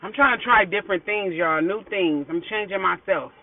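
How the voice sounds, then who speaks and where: A man's voice: sits high, normal speed, slight background noise. An American man chatting casually to viewers during a mukbang in a car, talking with his mouth full and murmuring between bites. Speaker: food vlogger. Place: inside a parked car. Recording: thin phone-like sound in a car.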